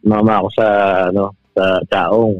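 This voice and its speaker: A man's voice: on the low side, level tone, moderate pace. A man on a podcast telling a long personal story in casual chat, laughing often and restarting his sentences. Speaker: podcast co-host. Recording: dull, dry sound with faint music.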